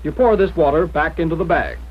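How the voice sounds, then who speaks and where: On a muffled, dull 1940s film soundtrack, an American man with a rather high, expressive voice reads military training narration a little fast. As the film's narrator, he speaks in a plain-spoken, direct, instructive way.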